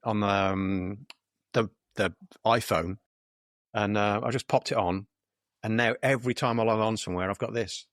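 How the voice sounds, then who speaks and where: Rambling low-voiced dentist in his fifties. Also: steady tone, normal speed, no echo, studio quality. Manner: rambling, hesitant, many fillers and restarts. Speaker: dentist and podcast co-host. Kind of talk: casual interview chat. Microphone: video call.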